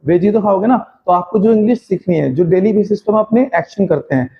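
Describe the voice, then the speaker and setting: An Indian man teaching a spoken English class in Hindi, slowly drilling tongue twisters and encouraging his students like a caring teacher. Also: high-pitched, muffled recording. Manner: addresses students as "beta", encouraging.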